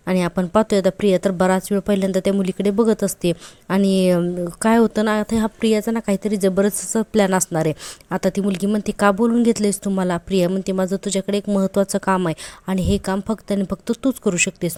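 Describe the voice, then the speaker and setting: Woman, casual episode recap, chatty and gushing, mellow tone, dry close sound. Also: mid-range voice, dry recording. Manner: chatty retelling, quotes characters in her own voice; gushing, admiring asides. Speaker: serial episode reviewer.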